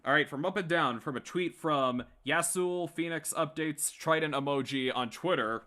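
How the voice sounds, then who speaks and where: Hosting a livestream, this man rambles casually as a fan, bluntly giving opinions to the chat and swearing freely. His voice sits on the high side, pushed and bright, at a moderate pace.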